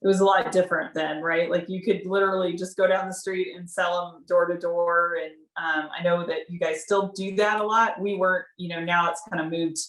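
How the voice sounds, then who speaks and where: Middle-aged woman, lowish voice, roomy sound. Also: level tone, fairly quick, hardly any pauses, fairly bright tone. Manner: conversational, emphatic, often adds "right?" and "you know". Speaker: corporate community partner being interviewed. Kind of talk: informal interview answers, reminiscing and explaining.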